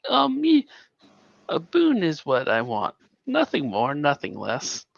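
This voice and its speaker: A man's voice: a little high, huge pitch swings, slow pace, vocal fry, no echo, dull audio, voice pushed up, full character voice. A man voicing a secretive male informant with a voice modulator, talking in a sly sing-song way. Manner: sing-song, wheedling, theatrical.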